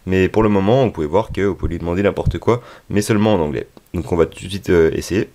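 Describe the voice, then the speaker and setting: A man presenting an app tutorial off the cuff, with a hesitant delivery and frequent pauses. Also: low voice, dark tone. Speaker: tech video presenter. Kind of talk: unscripted app tutorial narration.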